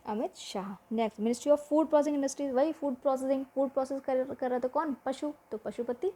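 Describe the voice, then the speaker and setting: High-voiced, mellow woman teacher. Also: fairly even intonation, moderate pace. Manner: quizzing the listener with repeated questions. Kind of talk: exam-prep memory-trick lesson.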